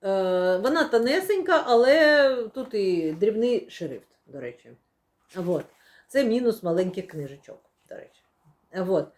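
A woman's voice: mid-range voice, expressive, measured pace, a little mellow. A young woman chatting casually as she unboxes and shows new books, with many fillers and playful laughs. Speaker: book vlogger. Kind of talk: casual book unboxing chat.

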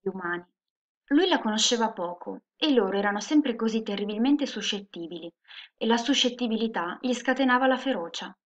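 A woman teacher reading a storybook aloud in a steady, clear narration. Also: a little high, fairly quick. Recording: muffled lo-fi recording.

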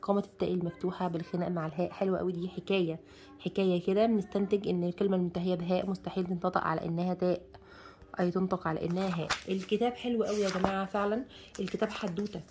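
Fast-talking Egyptian woman reviewing a book. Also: lowish voice, fairly even intonation, a little mellow, a little hiss or hum. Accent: Egyptian Arabic. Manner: chatty, enthusiastic, many fillers, lists contents aloud. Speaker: bookshop presenter reviewing a children's book. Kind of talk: casual book review while leafing through pages.

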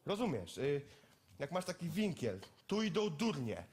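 A man performing a live cabaret sketch, talking in blunt, lively working-class banter. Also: a little high, measured pace. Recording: stage mic with loud audience laughter.

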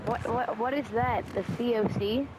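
A man's voice: very high-pitched, moderate pace. A teenage boy on a gaming party chat, goofy and trash-talking with nonsense jokes. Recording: roomy voice chat with noise behind.

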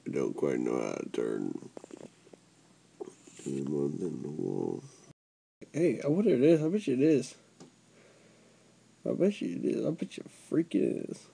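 A man's voice: extremely low pitch, wildly swooping pitch, unhurried, gravelly, long pauses, warm tone, breathy edge. A man talking in his sleep in mumbled, disjointed, repetitive phrases. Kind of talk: unconscious sleep talk. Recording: noisy home recording with clicks.

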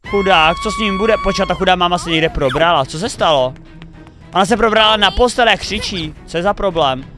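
A young man hosting a reaction video, commenting excitedly, thinking aloud and cheering the players on. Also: high-pitched. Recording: faint music behind the voice.

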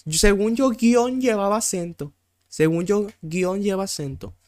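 A man's voice: sits high, measured pace, darkish tone. A young Mexican man streaming a quiz game, thinking aloud, swearing freely and easily exasperated. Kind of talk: casual gameplay commentary.

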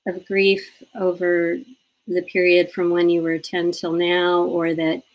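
A woman's voice: lowish voice, completely flat delivery, takes it slowly, low-quality recording. A woman interviewing a guest over a live video call, chatting casually and laughing as she tells stories. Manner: chatty, laughs often, acts out childhood quotes.

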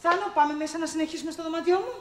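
Pushy high-voiced woman. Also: reverberant, noisy background. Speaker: sitcom actress. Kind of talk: sitcom dialogue.

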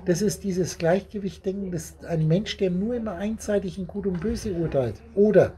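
A man's voice: high-pitched, moderate pace, mellow. A man giving a rambling, repetitive spiritual talk to a small group at a meeting, often laughing as he speaks.

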